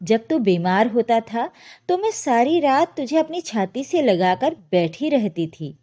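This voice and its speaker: A gentle elderly mother, as a woman storyteller puts her on, speaking softly and tenderly. Her voice is high and lively in pitch, and she speaks slowly. The tone is dark and mellow. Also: full character voice. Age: older. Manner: soft, tender.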